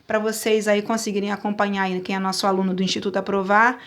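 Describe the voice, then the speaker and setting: A woman's voice: mid-range voice, level tone, quick pace, fairly bright tone. A woman with a Brazilian Portuguese accent, giving an online grammar lesson and explaining step by step, often checking in with her students. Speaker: teacher.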